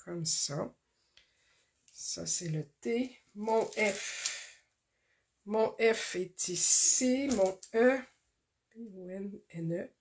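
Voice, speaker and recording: A woman hosts a card-making tutorial, talking slowly and carefully through each step with many pauses and fillers. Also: medium pitch, slight background noise. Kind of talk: casual craft demonstration.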